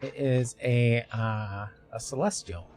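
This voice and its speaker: A man running a tabletop game as game master, talking haltingly with many fillers. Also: medium pitch, a little mellow, soft background music. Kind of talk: describing a creature in a tabletop game.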